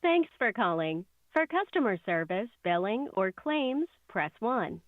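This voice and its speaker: A woman's recorded phone menu message comes through a tinny, narrow phone line. The voice is dry with no room sound, and it sits at a middling pitch. She reads scripted options in a measured, even way. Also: dry recording.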